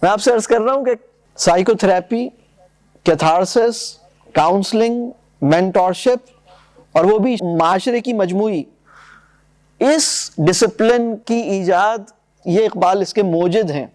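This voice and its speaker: A man with a high-pitched voice lectures on poetry. He explains eagerly, then slows down to recite verses with care. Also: darkish tone.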